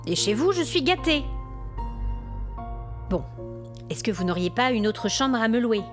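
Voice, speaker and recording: Soft music plays behind a woman whose slightly high voice swings widely in pitch as she speaks unhurriedly. She is acting a monologue as an exasperated, haughty hotel guest complaining about ghosts, haughty, aggrieved and demanding in manner. The mood is wary and exasperated.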